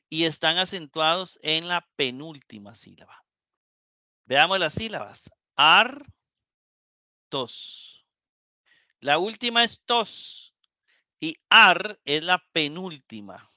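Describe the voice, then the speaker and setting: Slow, bright-voiced man teaching Greek. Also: fairly high pitch, no echo, dull audio. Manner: slow, syllable-by-syllable explanation with frequent "¿verdad?". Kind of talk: live online class.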